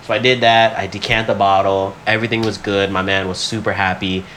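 A podcast co-host with a lowish, slightly bright voice talks briskly with little pitch movement, and a faint hiss or hum sits under it. He tells stories in casual, slangy, profane banter, often acting out what people said.

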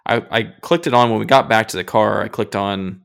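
Animated man telling a football story. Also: lowish voice, fairly quick, gravelly, clean tone. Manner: animated storytelling, swears, acts out his own reactions. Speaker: podcast co-host, football fan. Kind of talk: casual sports chat.

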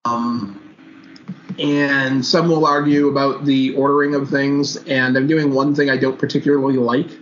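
A man co-hosting a casual hockey podcast, joking in a dry, deadpan way and then laying out his analysis step by step. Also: mid-range voice, moderate pace. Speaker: podcast co-host. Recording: dull lo-fi audio with faint hiss.

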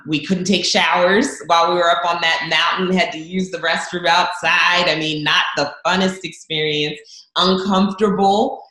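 A woman's voice: low-pitched, pushed and bright. A woman born in Zambia, a guest giving an earnest, open faith testimony with frequent restarts. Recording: roomy echo.

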